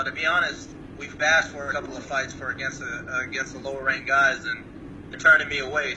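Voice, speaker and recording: A man from Samoa answering interview questions over a remote call, calm and modest, with many hesitant uhs. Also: on the high side. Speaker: guest fighter. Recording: distant mic with clear background noise.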